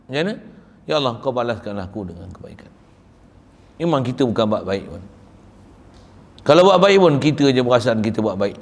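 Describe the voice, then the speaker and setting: A man from Malaysia, a religious teacher giving a tearful, fervent devotional sermon that drops to soft pleading prayers. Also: medium pitch. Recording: reverberant hall.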